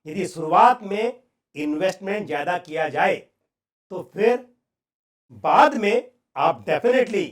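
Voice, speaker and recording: A man with an Indian accent explaining personal finance to viewers, deliberately and with emphatic pauses. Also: high voice, animated.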